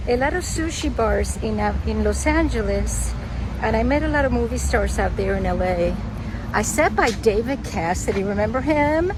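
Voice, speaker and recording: A woman's voice: fairly high pitch, expressive, normal speed. An older woman from Cuba, chatting playfully while walking outdoors, slipping in Spanish as she vlogs. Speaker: vlogger. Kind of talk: casual walking vlog chat. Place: outdoors on city streets, walking. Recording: street traffic noise behind.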